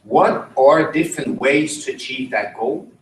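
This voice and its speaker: Speaking at an ordinary middle pitch, a Swiss conference presenter gives an academic talk, engaging the audience by asking them questions. His intonation is lively and his pace a little slow, captured from a distance in an echoing conference room.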